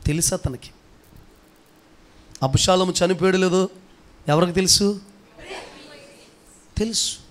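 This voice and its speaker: High-voiced pastor preaching with emphasis. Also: male voice, unhurried, long pauses. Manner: emphatic, fires rhetorical questions, calls the congregation to respond. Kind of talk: sermon.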